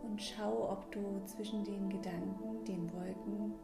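Female meditation guide, soft spa-like half-whisper with a creaky edge, slow and soothing, ambient music underneath. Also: medium pitch, little pitch movement. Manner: gentle, unhurried, soothing delivery with long pauses. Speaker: meditation guide and podcast host. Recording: roomy echo, ambient music bed. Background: slow ambient new-age music.

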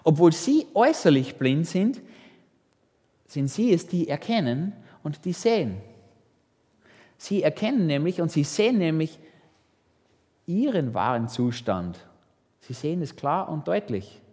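A man preaching a sermon in a lively way, with rhetorical questions. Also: on the high side, measured pace, long pauses, in a large hall. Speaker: pastor.

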